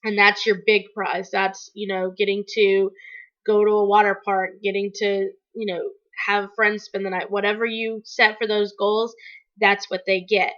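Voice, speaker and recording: A woman's voice: medium pitch, fairly bright tone. A middle-aged woman talking casually to viewers as a parent, explaining advice with everyday examples in a slightly dull lo-fi recording. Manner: conversational, explanatory, illustrating with examples. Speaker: parent giving tips in a video.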